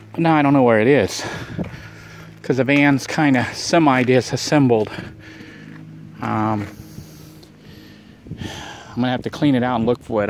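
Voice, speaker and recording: Recorded on a handheld camera outdoors in the brush, a vlogger constructing a shelter talks casually and meanders, filling gaps with lots of fillers. He speaks at medium pitch, with slight background noise present.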